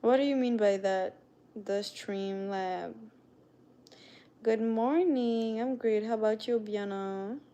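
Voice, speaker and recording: Taking her time, a young woman with a medium-pitched, mellow voice chats casually with her livestream audience. She has a non-native English accent and addresses viewers by name.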